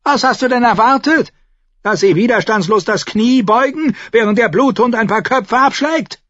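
A man voicing a furious, sharp-tongued dwarf lord who rants in a raised voice. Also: fairly high pitch, big pitch swings, moderate pace, no room sound, highs cut off, voice pushed up. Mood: raging. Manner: raging shouted tirade.

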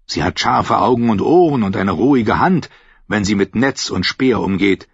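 A man voicing a solemn, wise boy seer who speaks in a grave, measured way. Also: fairly low pitch, animated, creaky, slightly rough, dry recording, heavily acted. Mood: earnest. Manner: measured, grave, slow speech. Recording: slightly dull dry recording.

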